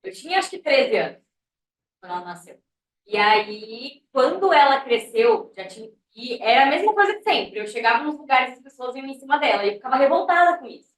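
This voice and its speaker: High-voiced young woman, far off. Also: sing-song, brisk. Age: 20s. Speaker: student. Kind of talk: personal story in class. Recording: roomy class audio from far off.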